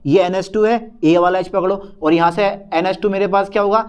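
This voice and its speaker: A man's voice: high voice, fairly even intonation, a little fast, clear, resonant tone. A young man lecturing on chemistry at a whiteboard, talking to his students and answering his own questions in a student's voice. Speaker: chemistry teacher.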